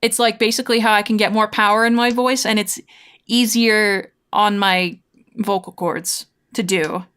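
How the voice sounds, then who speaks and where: A woman streams a game and talks with her chat in a relaxed, conversational style. Her voice sits at a middle pitch for a woman. She rambles and thinks aloud, with plenty of casual slang. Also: moderate pace, clear, resonant tone. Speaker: livestreamer, VTuber playing online mahjong. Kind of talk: casual livestream chat while gaming, replying to chat.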